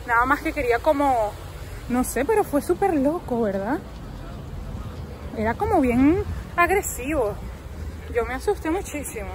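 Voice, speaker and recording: A young woman in her twenties records herself on a phone at arm's length outdoors. She tells a story in a lively, chatty way, with a slightly high voice. Street and traffic noise are clearly heard behind her. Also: normal speed, long pauses. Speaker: vlogger. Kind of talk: casual vlog chat. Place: outdoors by a shopping mall. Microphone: phone held at arm's length.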